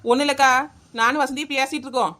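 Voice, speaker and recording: A woman's voice: sits high, fairly even intonation, quick pace, bright, forceful tone. A woman playing a cheeky, stubborn neighbour with a Kanyakumari Tamil accent, talking back mockingly. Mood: sassy. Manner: sassy backtalk, mocking.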